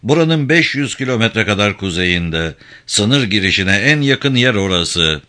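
A man voicing a restless, driven man who plans out loud. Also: lowish voice, expressive, unhurried. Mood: planning.

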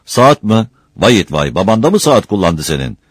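A man's voice: on the low side, sing-song, moderate pace, dry recording, clean studio sound, pitched above the performer's own voice. A man voicing a mean bakery foreman who curses and hurls scornful insults.

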